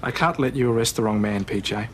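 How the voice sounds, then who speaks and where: A man's voice: medium pitch, fast, fairly bright tone, a little hiss or hum, natural voice. An actor playing a guilt-ridden Australian man, earnest and confessional, in a naturalistic television drama. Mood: guilty, distressed.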